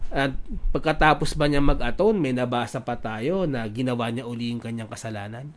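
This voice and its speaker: A man with a Filipino accent preaching a sermon in mixed Tagalog and English, reading Bible verses aloud and often adding tag questions. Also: a little high. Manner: Taglish preaching with frequent tag questions, reads scripture aloud.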